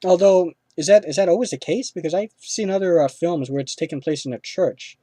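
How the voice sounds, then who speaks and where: A man's voice: high voice, fairly quick, warm tone, no echo. A man hosting a casual film review, rambling with lots of fillers and restarts.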